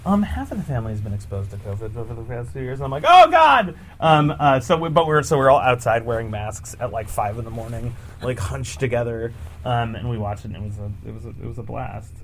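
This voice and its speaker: A man in casual interview chat, an animated storyteller who laughs often and breaks into big mimicking voices. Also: medium pitch, fast, a little hiss or hum. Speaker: animation filmmaker guest.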